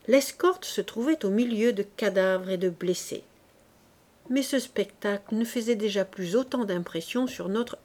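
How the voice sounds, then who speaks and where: A woman narrating a classic novel as an audiobook in a measured, even storytelling manner. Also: on the high side.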